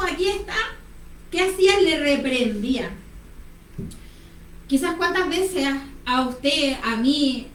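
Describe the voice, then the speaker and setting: A woman's voice: high voice, distant mic, a little hiss or hum. Fervent woman preaching in an echoey room. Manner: fervent, dramatizes Bible scenes. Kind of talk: preaching on a radio-style program.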